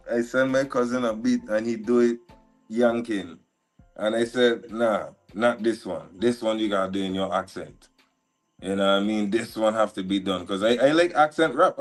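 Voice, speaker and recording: A man, a music producer talking casually as a guest on a live stream, halting and full of slang. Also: medium pitch. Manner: relaxed, halting, lots of restarts and slang. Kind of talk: casual interview chat. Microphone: live stream call.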